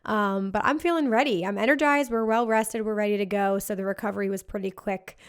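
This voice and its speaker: A woman's voice: mid-range voice, brisk, clear, resonant tone. A woman hosting a casual solo podcast with upbeat, giddy party-girl enthusiasm and a slightly worn post-party voice. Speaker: podcast host. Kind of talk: casual podcast monologue, festival recap.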